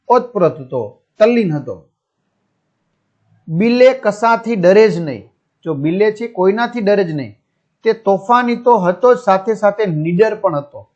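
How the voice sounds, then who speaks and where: This high, darkish male voice belongs to a teacher going through a school lesson with young children. He reads the story aloud, rephrases every line more simply, and checks in with the class, all captured in dull lo-fi sound.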